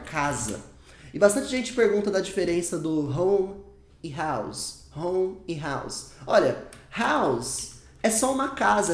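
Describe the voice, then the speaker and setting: Emphatic teacher in an echoey room. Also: male voice, fairly high pitch. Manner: emphatic and repetitive, models English words slowly. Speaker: English teacher. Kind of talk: online video lesson.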